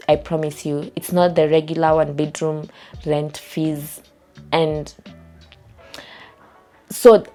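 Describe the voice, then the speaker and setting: A young Kenyan woman with a Kenyan accent vlogging at home, retelling a dispute in an animated, exasperated way with laughs. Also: sits low. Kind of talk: casual storytelling vlog. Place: indoors at home, small room.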